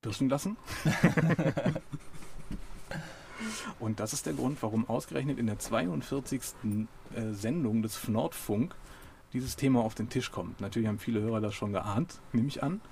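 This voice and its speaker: A man's voice: mid-range voice, normal speed, gravelly, long pauses, darkish tone, slight background noise. A male radio host talking casually with some fillers and reading aloud.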